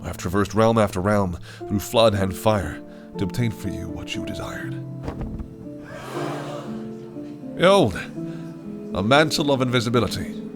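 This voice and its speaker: In audio roleplay, a male actor with a lowish voice and vocal fry plays a possessive, scheming fae prince. He speaks proudly in silky, archaic phrases that can turn menacing.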